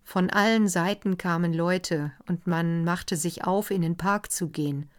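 A woman narrating a classic literary novel as an audiobook in a calm, measured, deliberate manner. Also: on the low side.

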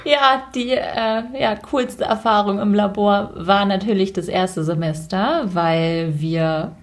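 A woman's voice: mid-range voice, takes it slowly. A woman in her twenties co-hosting a casual podcast chat, talking freely with frequent fillers and laughs. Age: 20s. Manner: chatty, laughs often, many fillers. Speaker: podcast co-host.

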